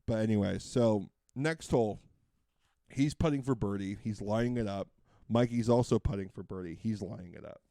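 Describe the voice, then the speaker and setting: A man's voice: lowish voice, moderate pace, gravelly, warm tone, no echo, studio quality. A man co-hosting a podcast, telling a long casual story with lots of fillers and restarts. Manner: rambling, full of fillers and restarts. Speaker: podcast co-host.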